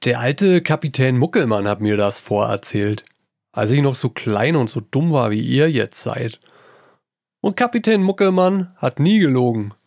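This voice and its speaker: A man giving a gruff, salty performed reading of a comic story, in the voice of an old sailor yarning to children. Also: mid-range voice, animated, moderate pace, darkish tone, no echo, studio quality.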